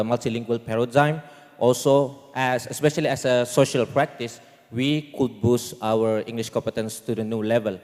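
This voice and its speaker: A man's voice: mid-range voice, a little mellow. Indonesian-accented man in an echoey hall. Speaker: audience member asking a question. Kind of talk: formal question from the floor. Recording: echoey hall with long reverb.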